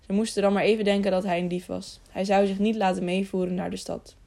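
Woman narrator, steady storytelling, mellow tone with a gravelly edge. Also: mid-range voice, fast. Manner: steady storytelling, slight stumbles. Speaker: audiobook narrator. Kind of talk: scripted narration.

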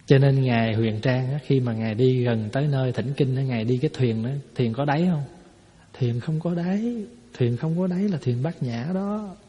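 A man's voice: mid-range voice, normal speed, warm tone. A man, a Buddhist monk giving a folksy dharma talk to a hall, explaining with rhetorical questions. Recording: echoey hall, dull lo-fi sound.

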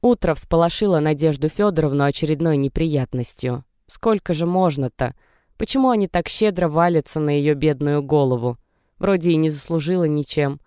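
A man reading a novel chapter aloud in a measured, expressive narration. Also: fairly high pitch, clean tone, dry recording, clean studio sound. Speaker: audiobook narrator. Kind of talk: scripted narration.

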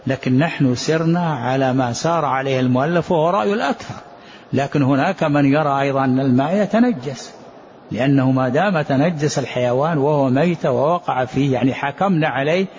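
A man's voice: medium pitch, fairly quick, darkish tone, a little hiss or hum. A man teaching a religious law lesson, explaining a text, addressing his listeners and asking questions that he answers himself. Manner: poses rhetorical questions and answers them. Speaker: Islamic jurisprudence teacher. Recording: dull lo-fi lesson recording.

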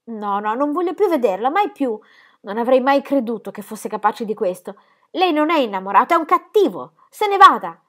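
A woman voicing a distraught teenage girl who cries out in high, loud, sobbing bursts. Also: sing-song, moderate pace. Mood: anguished refusal. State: crying.

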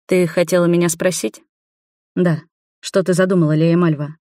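A woman's voice: fairly low pitch, level tone, moderate pace, warm tone, dry recording, studio quality, close to an everyday voice. A woman voicing a proud, loyal female palace servant who speaks bluntly and formally, in an audiobook. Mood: stern.

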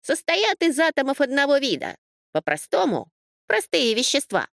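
Woman voicing a high, dreamy know-it-all sheep. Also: wildly swooping pitch, creaky, fairly bright tone, no room sound, studio quality, full character voice. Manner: slow, dreamy, rambling pronouncements. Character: odd, know-it-all female stray sheep. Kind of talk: storybook reading.

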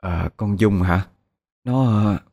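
Man playing a halting older father. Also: fairly low pitch, gravelly, mellow, exaggerated voice. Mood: hesitant. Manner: hesitant, halting. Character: older village father, awkward and evasive.

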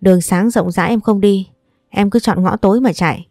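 A woman's voice: medium pitch, brisk, darkish tone, no room sound, clean studio sound, close to an everyday voice. A woman voicing a stern middle-aged man who scolds bitterly in a read-aloud story. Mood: stern reproach.

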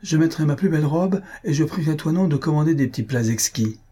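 A man reading aloud, voicing an elderly mother who chides her son in a husky, dark voice. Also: on the high side, animated, a little fast, voice pushed up. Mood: reproachful. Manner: wry, chiding. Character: elderly dowager mother, worried, reproachful.

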